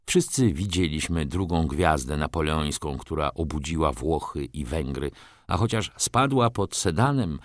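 A man narrating a literary audiobook in a measured storytelling manner. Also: low voice, no echo, clean studio sound.

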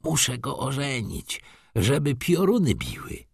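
A man narrating a novel in the first person for an audiobook, with expressive storytelling emphasis. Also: medium pitch, measured pace, vocal fry, slightly rough, no echo, clean studio sound.

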